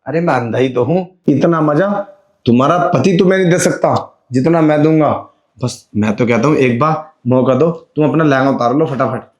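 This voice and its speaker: एक चालाक, चापलूसी करता आदमी. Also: male voice, medium pitch, moderate pace, darkish tone. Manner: sly, wheedling, keeps saying "you know". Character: sleazy man faking blindness, wheedling. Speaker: actor in a short skit. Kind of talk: scripted comedy skit.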